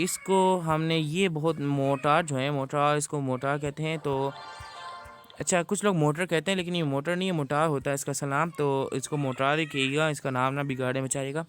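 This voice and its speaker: A man's voice: on the high side, a little hiss or hum. A man giving chatty, casual gameplay commentary to his viewers. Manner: chatty, addresses viewers as guys. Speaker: gaming YouTuber.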